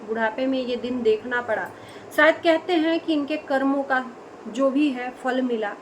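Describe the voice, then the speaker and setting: An Indian woman with a high voice delivers emphatic, opinionated vlog commentary as an online commentator, driving her points home with rhetorical questions. The recording is low quality, with noticeable background noise.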